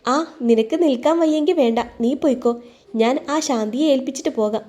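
A woman's voice: a little high, fairly quick, dark tone, lightly acted. A woman voicing a middle-aged mother in a spoken story who coaxes her son with sly intent. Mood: coaxing.

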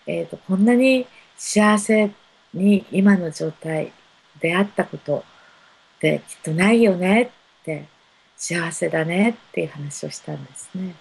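A woman in the role of a spiritual counselor, offering readings to live-stream viewers. Her voice has a gravelly, slightly husky grain. She talks in a gentle, unhurried way with soft fillers between her thoughts. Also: fairly low pitch, poor audio.

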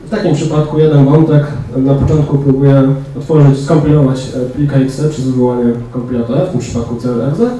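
A young man giving a technical talk in a large lecture room, pausing often with fillers. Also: mid-range voice, steady tone, dark tone, slight background noise. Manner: hesitant, many fillers. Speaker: conference speaker. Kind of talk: technical presentation. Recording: echoey hall, distant mic.

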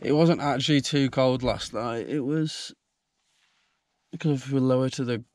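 A man's voice: medium pitch, moderate pace. A young man, chatting casually as he vlogs from his campervan and the lakeshore into an action camera. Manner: relaxed, chatty, thinking aloud. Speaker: travel vlogger. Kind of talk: casual vlog narration.

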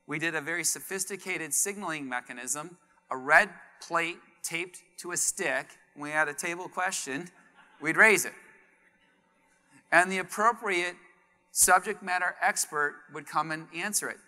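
A middle-aged man giving a conference keynote on a large stage, telling a story in an animated way and acting out quoted dialogue. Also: on the high side, normal speed. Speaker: keynote speaker.

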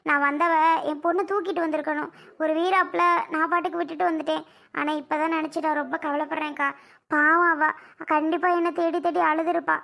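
A woman's voice: sits high, level tone, a little fast, creaky, a bit bright. A woman playing an anxious young mother who insistently pleads to go back to her child, in an amateur family drama skit. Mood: pleading.

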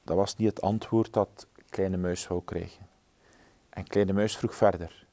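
A man reading a children's story aloud, gentle and measured. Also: low-pitched, steady tone. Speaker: storybook reader.

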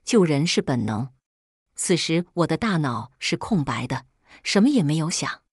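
Husky, expressive woman storyteller. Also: deep voice, moderate pace, no echo, studio quality. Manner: emotive first-person storytelling. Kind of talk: scripted narration.

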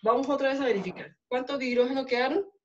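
A Colombian woman teaches a chemistry lab class, pausing often to ask her students whether they follow. The recording is dull and lo-fi, made in a classroom. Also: high voice, steady tone, noisy background. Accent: Colombian Spanish. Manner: checks in often with questions to students. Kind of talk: classroom lecture.

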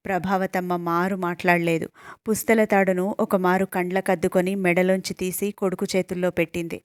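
A woman reads a storybook aloud at an ordinary pitch in a measured, plain way. The recording is dry and close, with no room echo. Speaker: audiobook narrator. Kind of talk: storybook narration.

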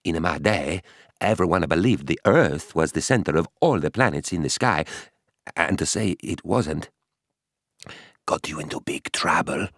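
A man's voice: sits low, moderate pace, no echo, clean studio sound. A man playing an elderly male astronomer who narrates his own life in a chatty, cheeky children's story. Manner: chatty and cheeky, with lively asides. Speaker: first-person narrator.

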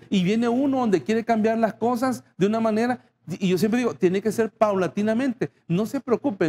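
Here a male pastor preaches with a high, slightly mellow voice. He talks right to the congregation and dramatizes small dialogues as part of the sermon.

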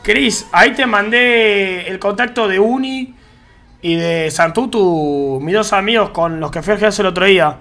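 Brief: Argentine Rioplatense male streamer, slangy and chatty, bright voice, faint game music underneath. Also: sits high, moderate pace. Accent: Argentine Rioplatense Spanish. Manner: slangy, chatty, talks to chat while gaming. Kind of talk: casual live-stream chat.

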